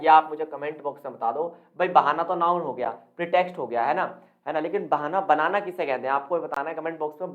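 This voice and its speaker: A man giving an online vocabulary lesson, repeatedly quizzing the viewer with questions. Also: on the high side. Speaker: spoken English teacher. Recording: tinny phone-like audio.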